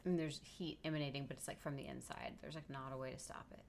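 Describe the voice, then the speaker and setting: Woman, low voice, casual podcast co-host, filler-heavy chat. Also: steady tone, quick pace, slight background noise. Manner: chatty, many fillers like "like". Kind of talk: casual conversation.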